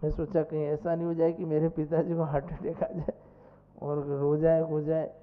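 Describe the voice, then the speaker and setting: A man acting out a calm grown son explaining matters to his father, in a sermon story. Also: on the high side, moderate pace, lightly acted. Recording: echoey hall, dull lo-fi sound.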